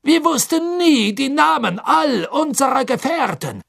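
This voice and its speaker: An audiobook reader voices a cowardly male former follower, pleading hastily and breathlessly with stammers. The exaggerated voice is pitched high above the performer's own, very animated, a little slow, fairly bright with vocal fry, recorded at studio quality with no room sound.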